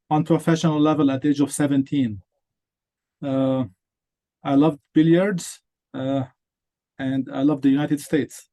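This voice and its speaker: A man who grew up between Lebanon and France joins an interview over a video call. He answers plainly and briefly, pausing now and then. His voice is a touch high for a man. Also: dark tone. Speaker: interview guest, billiards player.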